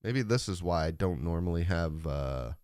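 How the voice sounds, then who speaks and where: A man streaming live gameplay, talking and rambling to his chat, with a deep, raspy voice from a rough throat. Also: expressive, normal speed, a little mellow, no room sound, studio quality. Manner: rambling, humming along while playing.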